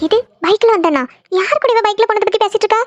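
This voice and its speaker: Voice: very high-pitched, fast, no room sound, dull audio, faint music behind. A voice actor playing a suspicious mother in a cartoon, grumbling to herself. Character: suspicious scolding middle-aged mother. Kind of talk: cartoon voice acting.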